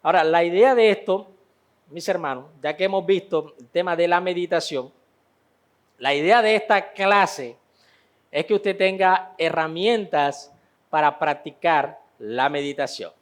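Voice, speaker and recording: A man's voice: fairly high pitch, measured pace. A man teaching a church Bible class in a conversational way, repeating phrases for emphasis.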